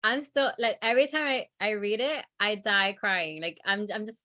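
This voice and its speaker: A woman's voice: medium pitch, normal speed, pushed and bright. A woman chatting casually and effusively as the host of a reading event. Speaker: host and editor of a story reading. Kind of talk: casual chat.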